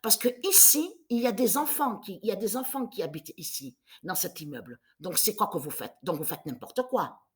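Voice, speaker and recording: A woman's voice: mid-range voice, animated, brisk, hardly any pauses. A woman in her fifties delivering an angry, agitated monologue, repeating herself and stumbling through restarts. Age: 50s. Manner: agitated, repetitive, stammering restarts. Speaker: vlogger.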